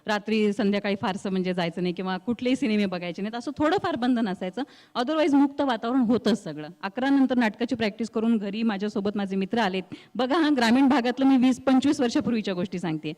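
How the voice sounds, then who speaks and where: A middle-aged woman with a rural Marathwada Marathi accent, telling her story as an interview guest in an expressive way that acts out the voices she quotes. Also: a little high, fast talker, big-room sound. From Marathwada, India. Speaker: guest, news reader and anchor.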